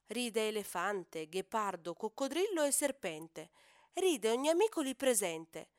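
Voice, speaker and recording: A woman narrating a rhyming children's story in a lively, sing-song way. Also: fairly high pitch, measured pace, clear, resonant tone, dry recording, clean studio sound.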